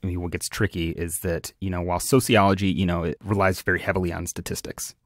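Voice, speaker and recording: A man's voice: sits low, fairly even intonation, fast, dry recording, clean studio sound. A man talking as an astrologer co-host in a casual podcast chat, hesitant, full of fillers and restarts.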